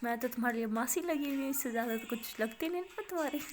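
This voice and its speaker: A woman's voice: high voice, natural voice. A woman voicing an exasperated middle-aged mother who scolds with dry sarcasm. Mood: scolding.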